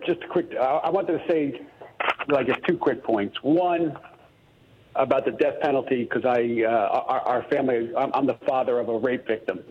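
A man's voice: mid-range voice, slight background noise. Earnest middle-aged male radio caller, phone line. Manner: earnest, halting, many restarts. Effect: heard over a phone line. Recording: muffled phone-line audio.

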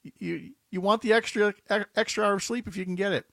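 A man's voice: high voice, steady tone, quick pace, gravelly, fairly bright tone, dry recording, clean studio sound. A man hosting a morning radio talk show, chatting casually and jokingly with many fillers and restarts.

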